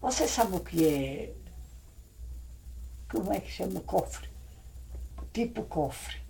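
This older woman, an elder reminiscing about family days gone by, tells stories casually in a Brazilian Portuguese accent, wandering and vivid, with exclaimed re-enactments. Her voice is medium-pitched, gravelly and warm, delivered slowly and expressively. Some hiss or hum marks the rough recording.

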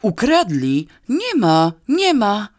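A reader voicing a drunk man panicking over a pink elephant he thinks he is imagining, in shrill, terrified shouts. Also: huge pitch swings, slow pace. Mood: frantic.

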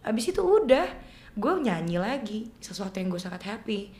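A woman's voice: medium pitch, very animated, moderate pace, mellow. Earnest young woman singer telling her story. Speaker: guest singer. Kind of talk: casual interview chat.

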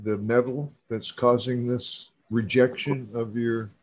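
A man's voice: medium pitch, little pitch movement, unhurried, lo-fi sound. A man in casual conversation, talking informally and sweary, often in short reactions. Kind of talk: casual chat.

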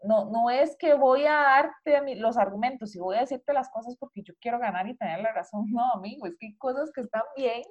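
A woman's voice: fairly high pitch, a little fast, hardly any pauses, muffled recording. A woman hosting a casual conversation, talking emphatically and reflectively, with many rhetorical questions. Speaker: host. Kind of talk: casual chat.

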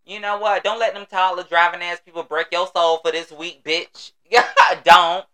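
A man with an American accent and a bright, crisp voice, chatting solo as a podcast host. He is sassy and exuberant, leaning hard on emphatic phrases and swearing freely in loose slang. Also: high-pitched, little pitch movement, moderate pace. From United States. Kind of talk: casual solo podcast chat.

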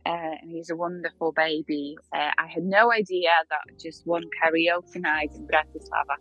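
A woman's voice: low voice, steady tone, moderate pace, fairly bright tone, lo-fi sound, faint music behind. A young adult woman telling a personal story in hesitant, short phrases. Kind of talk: anecdotal storytelling.

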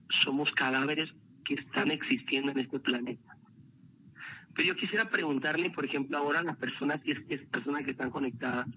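A man's voice: on the high side, sharp tone, slight background noise, low-quality recording. A man, a motivational speaker, telling an emotional personal story as a guest on a livestream. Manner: earnest, emotional, repeats words.

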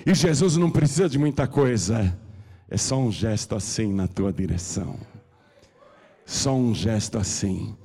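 A man with a Brazilian Portuguese accent preaching a sermon as pastor, his voice swinging from hushed to shouting. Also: medium pitch, slightly rough, in a large hall.

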